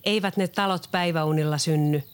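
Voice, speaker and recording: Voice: medium pitch, clear, resonant tone, lightly acted. A wise, self-assured little pig, as the storyteller reads him. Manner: calm, scolding, self-assured. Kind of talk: storybook read-aloud.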